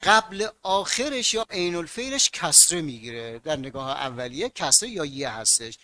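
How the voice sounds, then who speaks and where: A man's voice: a little high, big pitch swings, pushed and bright. A man with a Mashhad accent teaching an online grammar class, patiently explaining rules and asking his students questions that he then answers himself.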